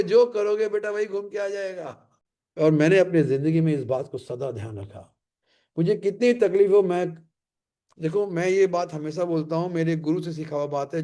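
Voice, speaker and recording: Emphatic high-voiced male motivational trainer. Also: warm tone. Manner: emphatic and repetitive, with slow English catchphrases. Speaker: leadership trainer.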